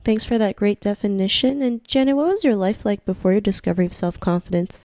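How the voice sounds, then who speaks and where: Mellow-voiced woman hosting a podcast. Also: medium pitch, lively intonation, fast, no echo, studio quality. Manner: formulaic thanks and prompts. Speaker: podcast host. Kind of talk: scripted interview host.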